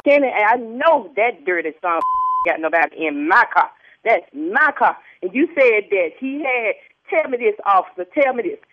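A woman's voice: mid-range voice, animated, normal speed, dry recording. Agitated woman on a tinny phone line. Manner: agitated, repeats herself, laughs bitterly. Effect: heard over the phone. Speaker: prank call target.

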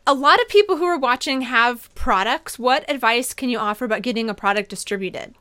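A woman's voice: on the high side, brisk, sharp tone. A woman hosting a casual interview, asking questions in a bubbly, encouraging way. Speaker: interview host.

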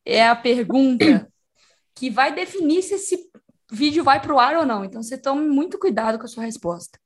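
A Brazilian woman co-hosting a podcast, chatting casually with teasing quick asides. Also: high voice, animated. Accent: Brazilian Portuguese. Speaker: podcast co-host.

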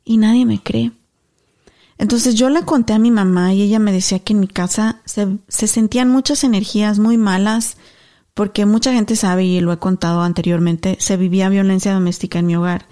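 A woman's voice: mid-range voice, moderate pace. A woman in her thirties, a podcast co-host, telling a story casually and acting out the voices of the people in it. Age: 30s. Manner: animated storyteller, acts out dialogue.

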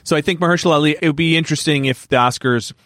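A man's voice: fairly high pitch, racing, no echo. Candid man chatting on a podcast. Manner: candid, animated, self-aware asides. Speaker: podcast host. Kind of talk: casual chat.

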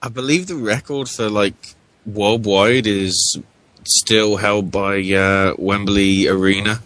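A man's voice: on the low side, steady tone, takes it slowly, a bit bright. A man co-hosting a radio show as a guest, chatting casually about what he is watching. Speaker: guest co-host. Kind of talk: casual live commentary chat.

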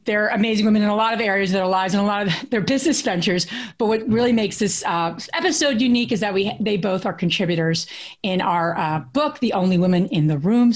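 A woman in her thirties co-hosting a podcast, telling stories in a lively, chatty way with many fillers and restarts. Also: medium pitch. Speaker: podcast co-host. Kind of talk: casual podcast chat.

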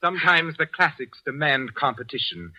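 An actor playing a sinister, genteel male organist and murderer in a 1940s radio drama, smooth-spoken and gloating. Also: a little high, animated, normal speed, exaggerated voice, rough recording. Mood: gloating, menacing. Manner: smooth, gloating and soft-spoken, breaking into panic.

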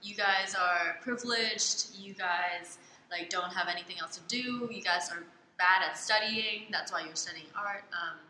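A woman from Hong Kong, answering interview questions thoughtfully, with many pauses and fillers. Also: medium pitch, bright, forceful tone, a little hiss or hum. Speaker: interviewee, art student. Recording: echoey space with faint ambience.

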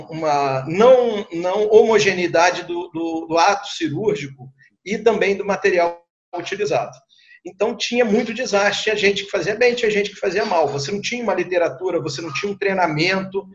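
Heard through a dull lo-fi recording, a middle-aged guest surgeon from Rio de Janeiro explains things in an interview with a slightly raised pitch and a Rio Brazilian Portuguese accent. His manner is conversational, with repeated words and added tag questions as he recounts events.

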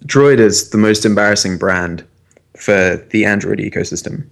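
A man with a fairly low voice chats on a tech podcast. He is opinionated and animated, and he talks with lots of ums and restarts. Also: normal speed, gravelly. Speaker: podcast co-host. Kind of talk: casual tech chat.

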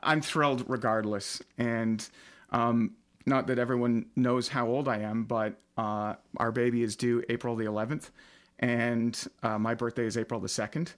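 A man's voice: medium pitch, steady tone, moderate pace. A man, hosting a casual podcast from his basement studio and rambling with lots of fillers. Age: late 30s. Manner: chatty, rambling with many fillers. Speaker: podcast host and radio host.

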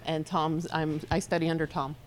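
A woman's voice: low voice, little pitch movement, moderate pace, background noise. A woman who works at an auction house and trains as an auctioneer, explaining how bidding works in a chatty way and laughing easily. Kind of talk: casual interview answers.

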